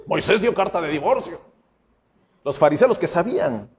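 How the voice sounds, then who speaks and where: A pastor preaches a sermon in a casual, conversational way, slipping into the voices of the figures he quotes. His voice sits high and swings widely in pitch. The sound carries the long reverb of a church hall. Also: expressive, moderate pace, darkish tone. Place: church sanctuary.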